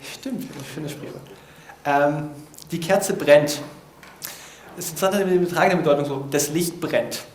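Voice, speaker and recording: A man's voice: fairly high pitch, normal speed, pauses often, darkish tone, slight background noise. A man in an informal setting explaining foreign vocabulary to listeners, thinking aloud with frequent hesitations. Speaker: language learner presenting vocabulary notes. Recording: echoey room.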